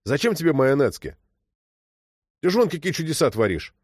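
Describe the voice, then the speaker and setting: A man voicing a gruff, short-tempered adult businessman who talks bluntly. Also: on the high side, sing-song, moderate pace, no echo, clean studio sound, voice pushed up. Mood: exasperated.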